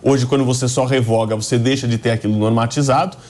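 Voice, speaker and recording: A man's voice: medium pitch, steady tone, fast talker, a little mellow. A man with a Brazilian Portuguese accent, a political commentator who argues his case step by step. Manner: argumentative, building points step by step. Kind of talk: political panel discussion.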